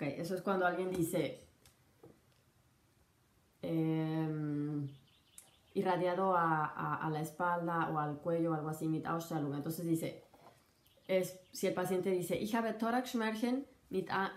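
A woman doctor with a Mexican Spanish accent talks through a lesson in a relaxed, chatty way, throwing in asides and examples. Her voice sits a little low. The room around her has a noticeable echo. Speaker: doctor teaching medical German. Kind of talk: casual spoken lesson.

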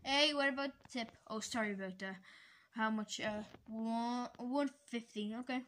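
A woman acting out a comic game roleplay in several voices. She is excitable, bursts into loud shouts, and fills gaps with playful sound effects and sing-song bits. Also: on the high side, normal speed, a little hiss or hum.

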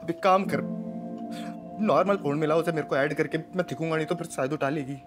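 A young actor playing a brash, quick-tempered small-town college student who talks bluntly in rough slang, with music underneath. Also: male voice, on the high side, natural voice. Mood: accusing. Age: young adult.

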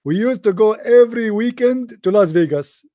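Man, sarcastic deadpan commentary, high voice, dry close sound. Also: moderate pace, no echo. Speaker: host. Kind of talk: sarcastic commentary over a text.

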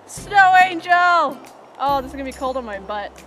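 A young woman hosting a casual vlog outdoors in the snow, giggly and excitable, filmed on a camera by a friend. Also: sits high, racing, faint music behind. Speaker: vlogger host.

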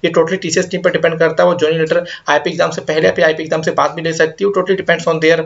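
Fast-talking man giving career updates. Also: a little high, flat delivery, gravelly, dull audio. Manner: rapid Hindi-English mix, reassuring, repeats "ठीक है". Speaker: career guidance YouTuber. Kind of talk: casual update video reading viewer comments.

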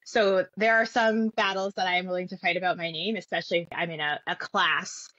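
A woman's voice: fairly low pitch, steady tone, fairly quick, fairly bright tone, dry recording. A woman being interviewed, speaking thoughtfully and often restarting her sentences, heard over what sounds like a video call. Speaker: guest. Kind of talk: conversational interview. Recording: dull lo-fi audio.

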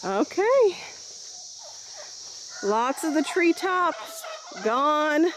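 A cheerful woman in her thirties with an Ozark accent walks her farm at dusk, talking into a phone held at arm's length. Her voice sits a little high. Crickets and insects chirp clearly all around. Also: very animated, extremely slow. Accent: Ozark American. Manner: chatty, cheerful, talks to camera while walking. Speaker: homestead vlogger. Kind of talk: casual vlog narration while walking. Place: outdoors on a rural farm at sunset. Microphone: phone camera held at arm's length. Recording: clear outdoor noise of crickets. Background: crickets and insects outdoors.

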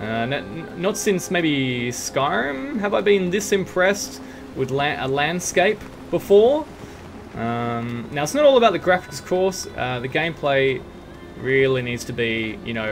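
A man commentating while he plays a video game, excitable and jokey, often laughing and shouting at the game. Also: on the high side, a little hiss or hum. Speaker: gaming video host. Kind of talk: let's play commentary. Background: game music and gunfire.

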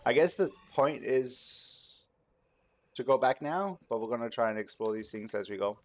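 Expressive and medium-pitched, this man speaks at normal speed as he records himself playing, tossing slangy remarks to himself and the game. Video game sounds and effects come through distinctly underneath.

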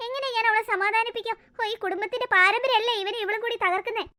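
An older voice actor plays a scheming, scolding grandmother in a cartoon story, a woman who hates the adopted boy. The voice is very high and steady, delivered at a quick pace with a sharp edge, nagging and sarcastic throughout.

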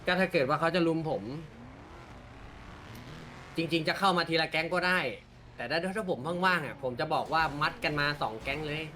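A man talking in character as a gang leader in an online role-play game, calm and taunting. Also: fairly high pitch, moderate pace, long pauses, slight background noise.

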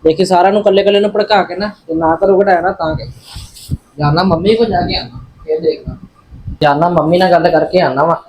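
A woman's voice: fairly low pitch, steady tone, brisk, darkish tone, slight background noise, lightly acted, rough recording. A woman playing a defiant, scheming young man in a family short film. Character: quarrelsome young man, the younger brother-in-law.

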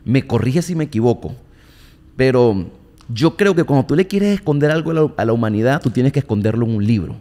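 A man's voice: medium pitch, expressive, a little fast, dark tone, long reverb tail. Agreeable man co-hosting. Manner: agreeable, steers the talk with follow-up questions. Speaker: podcast co-host. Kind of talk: casual podcast conversation.

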